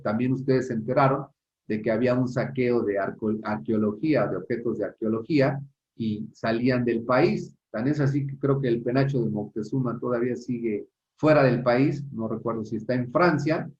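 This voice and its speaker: A man's voice: medium pitch, a little mellow. A man with a Mexican Spanish accent lectures in a mid-range voice. He speaks in a conversational teaching style, turns straight to his listeners and repeats key points for emphasis. The recording sounds dull and lo-fi. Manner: conversational, tags points with a questioning "no?"; addresses the audience directly, repeats points for emphasis. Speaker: customs law lecturer.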